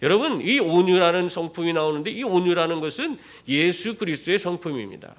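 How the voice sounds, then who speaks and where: Male pastor preaching in church, storytelling, asks the crowd questions, high lively voice. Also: a little fast. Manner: animated storytelling with rhetorical questions. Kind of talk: sermon.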